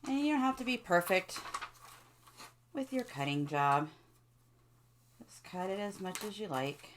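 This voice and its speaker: A woman's voice: medium pitch, expressive, measured pace, noisy background. A middle-aged woman hosting a casual crafting tutorial, chatting to her viewers and asking them questions as she works. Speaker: craft video host.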